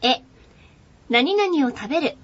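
High-voiced woman repeating words. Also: expressive, slow pace, lo-fi sound. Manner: bright, repeats after the teacher. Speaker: co-host and learner. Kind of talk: radio language lesson.

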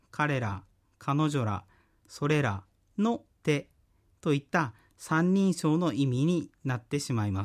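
A man gives a radio language lesson in a plain mid-range voice. He explains grammar point by point, slowly and carefully, with frequent pauses between phrases. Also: mid-range voice. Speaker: language teacher. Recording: radio broadcast.

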